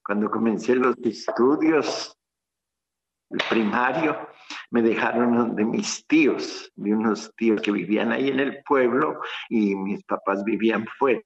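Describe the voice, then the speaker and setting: Over a dull remote line, a priest from Colombia tells his life story to a radio interviewer. His mid-range voice has vocal fry, and he speaks in a halting, reflective way.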